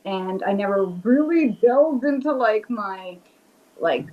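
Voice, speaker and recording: The audio is dull, and the woman's voice runs a little high with lively intonation at a slow pace. She's a witch and paranormal investigator from Rhode Island, with the accent to match, chatting eagerly and casually as a video-call interview guest, saying "like" constantly.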